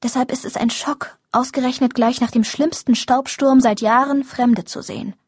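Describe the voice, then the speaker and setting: A woman reads a first-person audiobook in a steady, measured way. Her voice is husky and fairly high, recorded dry and close with no room echo. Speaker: audiobook narrator.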